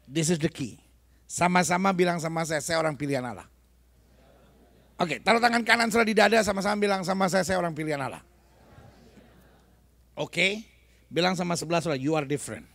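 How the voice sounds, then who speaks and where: Lively preacher, high gravelly voice. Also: male voice, dry recording. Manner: animated, questioning the audience, mixing in English phrases. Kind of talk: lively sermon to a congregation. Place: church hall.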